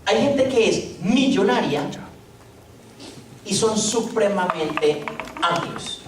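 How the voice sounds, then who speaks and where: A man's voice: sits high, lively intonation, slow. Brief: male pastor, humorous storytelling sermon, heard from a distance in a very echoey hall. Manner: joking, storytelling preacher with rhetorical questions. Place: church hall. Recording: echoey church hall, distant mic, faint noise.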